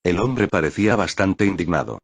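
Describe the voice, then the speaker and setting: A man narrating an audiobook in a measured, even storytelling manner. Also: low voice, creaky, breathy edge, dry recording. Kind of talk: scripted narration.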